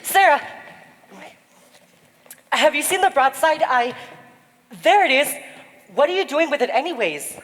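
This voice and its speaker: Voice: high-pitched, animated, a little slow, pauses often, fairly bright tone, big-room sound. An actor playing a blustering, indignant shipowner. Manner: blustering, vengeful.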